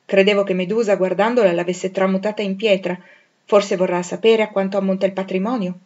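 A woman's voice: mid-range voice, steady tone, brisk, a little mellow, close to an everyday voice. A woman voicing a stern, reserved young male pastor who talks coolly and evasively, with dry irony. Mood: dry, ironic. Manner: cool, evasive, dryly ironic. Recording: dull lo-fi recording.

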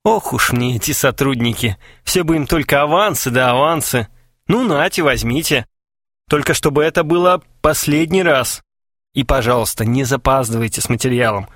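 A man's voice: medium pitch, normal speed, fairly bright tone, no echo, clean studio sound, close to an everyday voice. A man voicing Podkhodtsev, a hesitant, businesslike young man who speaks condescendingly in a comic story. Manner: jealous, condescending.

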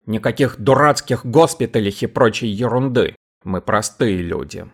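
A man voicing a calm, self-satisfied sheriff who talks bluntly. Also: on the low side, moderate pace. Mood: smug. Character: smug, calm small-town sheriff, blunt and stern.

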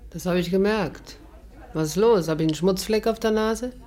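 In a 1950s German radio play, an actress voices a cool, mocking young barmaid, teasing and flippant in her lines. Her mid-range, warm voice moves at normal speed, and the acting is light.

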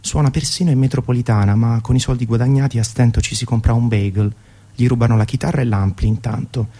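This warm, mid-range male voice moves quickly with fairly level intonation, delivering a radio presenter's scripted story in dramatic, literary language. Music sits prominently under the narration, which belongs to a guided music programme.

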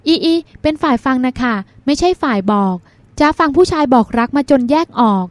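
A woman's voice: high-pitched, brisk, no echo, close to an everyday voice. A woman reading the lines of a dreamy, chatty young woman who plays the younger sister. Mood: playful. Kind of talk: audiobook character reading.

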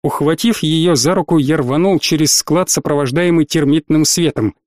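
Audiobook narrator, male, slightly high voice, dry close sound, measured delivery. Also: a little mellow, dry recording. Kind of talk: first-person scripted narration.

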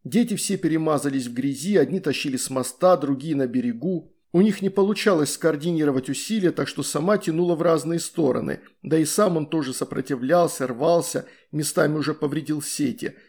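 A man reading a story aloud, narrating in a lively way between voiced figures. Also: a little high, brisk, few pauses. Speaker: reader.

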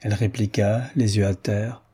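A man narrating a literary audiobook in a measured, even reading. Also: on the low side, breathy edge. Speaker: audiobook reader.

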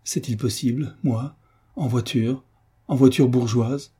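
A man voicing an excitable, self-important older woman housekeeper who talks in exclamations. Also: lowish voice, normal speed, husky. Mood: excited. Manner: exclamatory, fussy.

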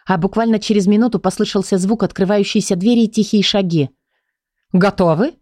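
A woman reading a fantasy audiobook as narrator in an even, measured way. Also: mid-range voice, dry recording, clean studio sound. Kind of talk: scripted narration.

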